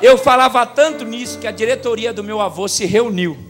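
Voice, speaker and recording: A man with a Brazilian Portuguese accent preaching a sermon, telling stories in a low voice and then rising to loud shouts. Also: brisk, faint music behind. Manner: storytelling, swings from quiet to shouting.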